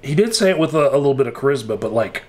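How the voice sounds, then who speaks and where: A man at an ordinary mid pitch delivers casual, frank commentary. His tone is wry, and he often pauses, hesitates and restarts mid-sentence as he thinks aloud. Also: animated, a little mellow. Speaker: political commentator.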